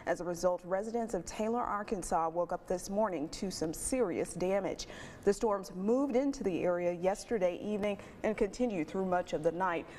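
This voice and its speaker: A woman's voice: on the low side, darkish tone, a little hiss or hum. Woman anchor reading evening news. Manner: crisp, measured newsreading.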